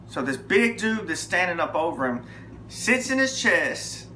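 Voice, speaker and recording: A man's voice: high voice, measured pace, slight background noise. A man telling a personal testimony, emphatic and storytelling. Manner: emphatic, lively storytelling with acted quotes. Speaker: testimony speaker. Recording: echoey room with faint ambience.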